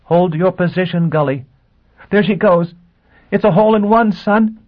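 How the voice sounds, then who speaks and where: A man voicing a desperate young woman in space, pleading in a high, strained voice. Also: fairly even intonation, a little fast, breathy edge, dull audio. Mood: urgent.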